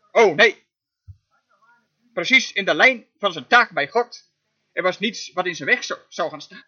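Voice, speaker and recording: Man, very high sharp voice, emphatic dubbed sermon interpreter, dull lo-fi audio. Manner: emphatic preaching, frequent amens.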